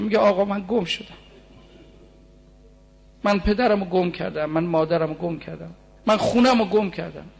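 Gravelly middle-aged preacher chanting verses. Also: male voice, high voice, slight background noise. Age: 40s. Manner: shifts between conversational preaching and slow, drawn-out chanting of poetry. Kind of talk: religious sermon with chanted verses.

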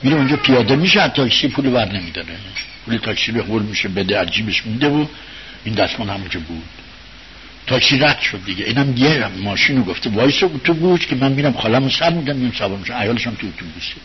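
A man giving an informal religious talk, telling a story to his listeners in a conversational way, rising to loud bursts and sinking to quiet murmurs. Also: lowish voice, animated. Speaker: religious speaker addressing an audience. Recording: dull lo-fi recording with faint hiss.

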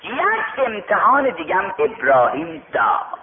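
A man's voice: high-pitched, sing-song. A man preaching a sermon, retelling a religious story and acting out its dialogue. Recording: echoey tinny radio broadcast.

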